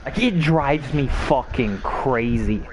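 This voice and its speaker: A man's voice: medium pitch, expressive, takes it slowly, background noise. Rambling, swearing young man chatting. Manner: rambling, swearing, many fillers and restarts. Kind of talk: casual chat while gaming.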